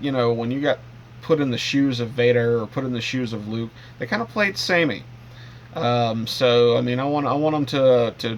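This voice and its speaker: A Canadian vlogger, a man, delivers a casual monologue that rambles with lots of ums, fillers and restarts. His voice is mid-range, with slight background noise.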